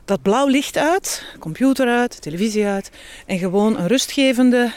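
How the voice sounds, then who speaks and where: Her voice a little high with lively intonation and a darkish tone, a woman with a Flemish accent chats at normal speed in a casual interview. She's the guest, an author and healthy-lifestyle speaker, and she's candid and expressive.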